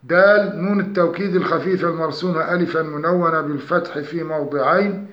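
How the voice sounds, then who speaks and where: A man teaching the rules of Quran recitation in a structured, methodical way, reciting example verses slowly. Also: fairly high pitch, fairly even intonation. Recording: echoey room, dull lo-fi sound.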